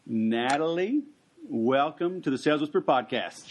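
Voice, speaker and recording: A man hosting a podcast in a casual interview style, halting, with frequent ums and pauses. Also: fairly high pitch, animated, slight background noise. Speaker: podcast host.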